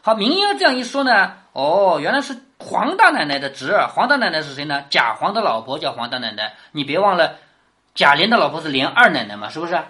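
A woman's voice: sits low, fast talker. A woman teacher lecturing on a classic novel, often checking in with rhetorical questions. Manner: lively, keeps asking rhetorical questions. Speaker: literature teacher.

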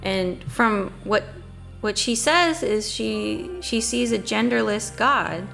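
A woman's voice: a little high, lively intonation, slow, gravelly, a bit bright, faint music behind. A woman co-hosting a casual podcast discussion, thoughtful and musing, often murmuring agreement. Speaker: podcast co-host.

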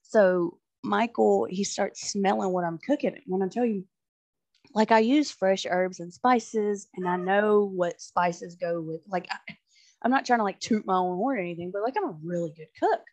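Animated swearing woman telling stories. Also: medium pitch, moderate pace, dry recording. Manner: animated storyteller, swears freely, acts out quotes. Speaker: podcast co-host. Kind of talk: casual chat.

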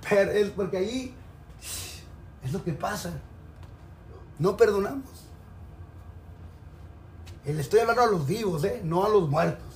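A man's voice: sits high, animated, unhurried, long pauses. A man preaching a sermon in a colloquial, exhorting way, addressing listeners directly. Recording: echoey room, faint background noise.

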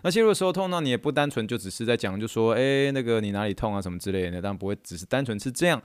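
A man, hosting a casual chat and telling stories in a lively way that acts out what people said. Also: medium pitch, rapid-fire, clean tone, no room sound, studio quality. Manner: animated storyteller who acts out quotes. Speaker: podcast host and therapist.

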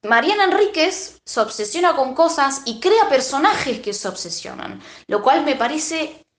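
Argentine woman podcaster, lively storyteller, slightly high voice, roomy echo. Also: a little slow. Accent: Argentine Rioplatense Spanish. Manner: animated, acts out the characters' lines. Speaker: podcast co-host. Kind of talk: casual retelling of a story.

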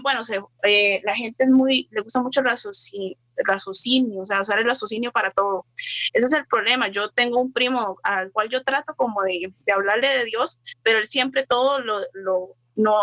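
Woman, bright, slightly high, earnest, dry close recording. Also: normal speed, no room sound. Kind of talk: casual faith chat.

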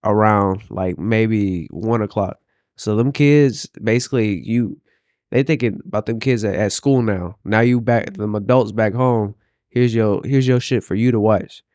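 A man's voice: on the low side, a little slow, darkish tone, dry recording, clean studio sound. A man chatting casually and telling stories in loose, profane slang, often repeating phrases as he builds them up. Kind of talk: casual banter and storytelling.

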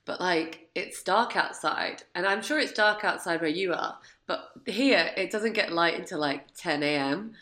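A London woman talks with a low, bright, forceful voice, chatty and quick to laugh. Her voice echoes because she is in an oversized hotel suite. She co-hosts a casual film podcast. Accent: London English. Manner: chatty, lots of "like", laughs easily. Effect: echoey sound of a huge hotel suite. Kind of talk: casual chat. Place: large hotel suite indoors.

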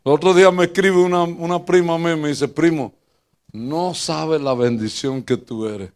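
An older man with a Puerto Rican accent, preaching in a church as pastor and telling funny personal stories, jumping between loud bursts and quiet asides. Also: normal speed. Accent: Puerto Rican Spanish. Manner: lively, joking storyteller who swings between loud bursts and low asides.

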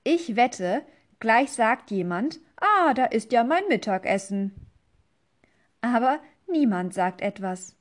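Slow storytelling woman. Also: on the high side, big pitch swings. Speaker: teacher reading a story aloud. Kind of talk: children's storybook reading.

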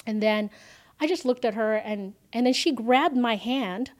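A woman, a podcast guest, telling an emotional personal story, swinging from hushed moments to loud exclamations. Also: a little high, unhurried.

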